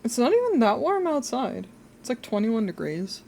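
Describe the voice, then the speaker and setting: A woman's voice: on the high side, big pitch swings, normal speed, gravelly, mellow, slight background noise. A woman chatting casually on a livestream as host, in a cute, friendly anime-streamer manner that welcomes viewers. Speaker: livestream host, VTuber artist. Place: living room at home.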